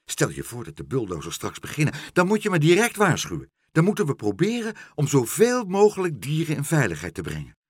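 A fussy, worried older gentleman, voiced by a man frets aloud in a somewhat raised, husky voice that swings up and down a lot. The sound is close and dry. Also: low voice, big pitch swings, fast talker, few pauses, no echo, heavily acted. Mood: anxious. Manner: worried, fretful.

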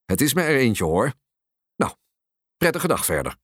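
A storyteller voicing a friendly, kindly king in a children's storybook, speaking low and warm. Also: very animated, moderate pace, breathy edge, no room sound, clean studio sound.

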